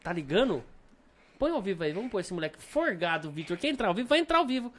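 A man's voice: sits high, big pitch swings, fast, a little hiss or hum. A man hosting a casual podcast, joking around and directing the guests and crew. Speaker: podcast host.

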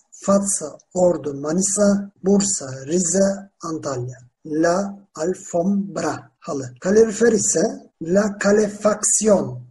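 A teacher giving a slow Spanish lesson in a classroom, spelling words out letter by letter with town names and repeating verb forms. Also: medium pitch, a little mellow. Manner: drills verb forms slowly and repeats them. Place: classroom with students.

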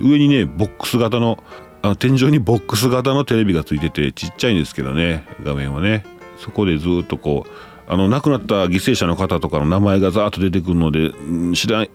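Man, Kansai accent, casual host, reads listener messages, quick exclamations, expressive pitch. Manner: exclaims often, reacts aloud to messages. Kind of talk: casual live-stream chat.

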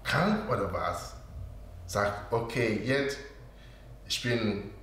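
A man who is not a native German speaker, slowly telling a personal story in broken German as an interview guest, full of pauses and quoted dialogue. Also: on the low side, animated, a bit bright. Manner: slow, hesitant, with many fillers and quoted dialogue. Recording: very echoey room with faint background noise.

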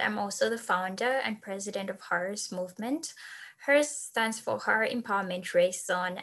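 A woman in her twenties from Zambia, a podcast guest earnestly telling the story of founding her organization. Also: mid-range voice. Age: 20s. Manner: earnest, animated when recounting. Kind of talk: podcast interview, personal storytelling.

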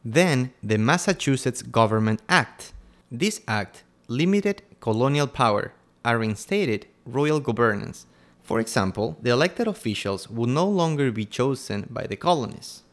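Lively man. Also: medium pitch, measured pace. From Ecuador. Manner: reads history facts in turns with small grammar slips. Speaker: co-host. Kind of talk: scripted educational podcast.

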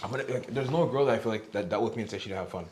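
A man's voice: on the low side, rapid-fire, a little mellow, slight background noise. A young man hosting a podcast in casual chat, talking while he eats spicy wings, loose and joking with frequent laughs. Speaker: podcast host.

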